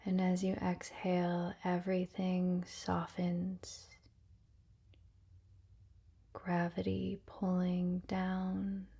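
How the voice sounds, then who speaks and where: Leading a guided relaxation meditation, this woman speaks in a fairly low, monotone voice that is soft, breathy, and frequently near-whispered. She sounds gentle and soothing and leaves long pauses.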